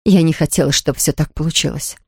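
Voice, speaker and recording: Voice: mid-range voice, fairly even intonation, fast, slightly rough, no room sound. A narrator voicing a shaken, apologetic wife, reading in a dry, close studio recording. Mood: remorseful.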